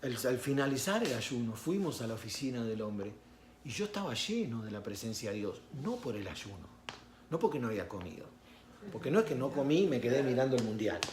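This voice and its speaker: A male pastor preaching a sermon, telling a story that swings between hushed and loud. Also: mid-range voice, sing-song, a little fast, echoey room, a little hiss or hum. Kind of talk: sermon with personal testimony.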